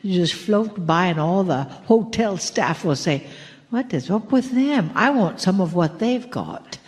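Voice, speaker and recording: A woman giving a channeled spiritual talk to a gathering in a deliberate manner. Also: on the low side, animated, a little mellow. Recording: long hall reverb.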